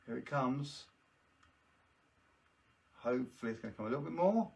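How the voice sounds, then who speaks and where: A man's voice: mid-range voice, expressive, moderate pace, creaky, darkish tone, a little hiss or hum. British guy doing kids party magician patter, jokey and chatty, live stream, mic a bit far away. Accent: British English. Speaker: magician hosting a live online show. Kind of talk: live magic show patter with casual asides to viewers.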